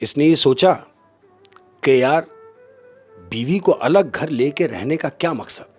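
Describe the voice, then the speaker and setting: Animated male podcast storyteller. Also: a little high, slow, breathy edge, soft background music. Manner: expressive, addresses the host often.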